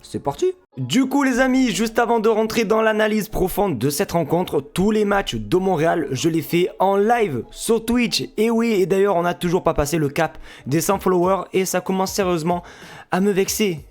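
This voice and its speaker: French-accented male vlogger, slightly high voice, joking and chatty football preview host, faint music bed. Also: normal speed, a little mellow. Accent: French (France). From France. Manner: jokey, chatty, addresses viewers as friends. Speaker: football fan YouTuber and Twitch streamer. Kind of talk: casual pre-match football analysis vlog.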